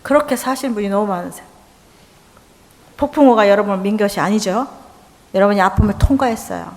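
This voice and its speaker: A woman from Korea preaching a lively sermon in a church, acting out little dialogues and bantering with the congregation. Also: mid-range voice, a little fast. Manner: animated, acts out dialogue, chats with audience. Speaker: missionary seminar speaker. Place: church sanctuary. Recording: church hall with long reverb.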